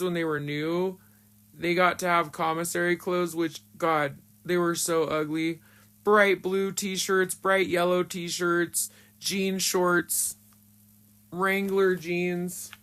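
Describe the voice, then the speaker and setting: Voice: medium pitch, a bit bright, clear, resonant tone. A speaker with a disguised voice tells a story from their own past in casual spoken style. They talk bluntly and frankly, with frequent swearing. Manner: blunt and frank, swears often, emotional retelling.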